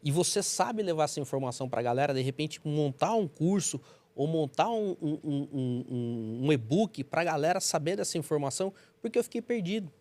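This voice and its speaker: A man's voice: fairly high pitch, animated, brisk, a little mellow. A man telling his story on a podcast, enthusiastic and repeating phrases for emphasis. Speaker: podcast host. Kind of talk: casual podcast chat.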